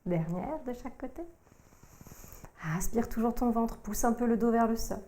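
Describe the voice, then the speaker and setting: A woman, working as a yoga teacher, calmly cueing breath and movement through a core workout. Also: on the high side, a little hiss or hum. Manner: calm, slow cueing of breath and movement, addressing the listener informally.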